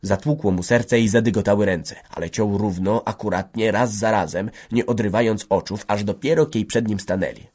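Male audiobook narrator, low, even storytelling delivery. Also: moderate pace, few pauses. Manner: steady storytelling reading. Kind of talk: scripted narration.

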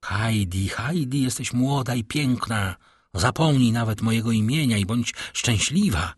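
A man voicing a brooding middle-aged nobleman in a read-aloud novel, slow and solemn. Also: mid-range voice, expressive, slightly rough, no room sound, clean studio sound. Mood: tender.

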